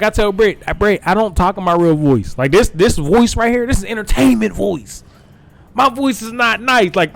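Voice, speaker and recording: A man co-hosting a casual podcast, animated and laughing often, swearing freely as he tells stories. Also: high-pitched. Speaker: podcast co-host. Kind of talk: casual chat. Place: indoors, porch podcast setup.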